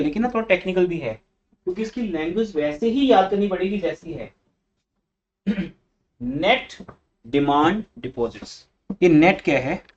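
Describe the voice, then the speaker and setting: A man's voice: high-pitched, highs cut off. A male commerce teacher giving a classroom economics lecture, coaching and scolding students on how to read theory aloud.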